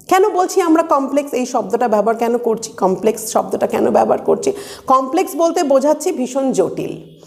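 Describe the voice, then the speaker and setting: A woman teacher giving a lesson. She mixes English terms into her speech, asks and answers her own questions, and reads English examples slowly. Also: high voice, a little mellow. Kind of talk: exam-prep lesson lecture.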